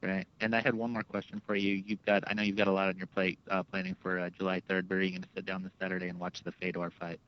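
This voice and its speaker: A man's voice: low-pitched, little pitch movement, fast, few pauses. A man working as a reporter, asking questions conversationally on a press conference call. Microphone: telephone. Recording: dull, lo-fi phone line.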